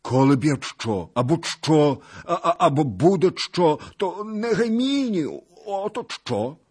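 A man's voice: fairly high pitch, expressive, slow pace, darkish tone, husky, pitched above the performer's own voice, full character voice. A man voicing a frightened old male beggar who pleads and stammers in rustic peasant speech. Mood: frightened pleading.

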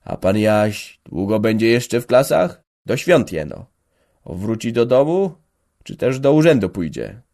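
A guarded old peasant farmer, put on by a male narrator talks in slow, clipped rural dialect. He answers briefly and gives little away. It sounds like a storybook reading. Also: lowish voice, big pitch swings, a little mellow. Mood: quiet. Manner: slow, terse, dialect speech.

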